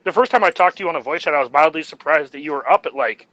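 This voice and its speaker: A man's voice: fairly high pitch, animated, rapid-fire, pushed and bright, no echo, highs cut off. A man co-hosting a podcast in casual chat, rambling and jokey. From United States. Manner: rambling and jokey, laughs at his own jokes. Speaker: podcast co-host.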